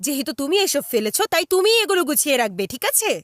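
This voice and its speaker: An actress voicing a strict, house-proud mother of two boys, scolding them quickly and in exasperation in a cartoon dub. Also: high-pitched, sing-song, dry recording, studio quality. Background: background music.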